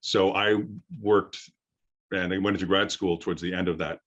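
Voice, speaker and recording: A middle-aged voice acting coach gives an informal workshop lecture in a deep, firm voice, explaining haltingly and pausing to think. His intonation is fairly even and his tone fairly bright, on lo-fi audio.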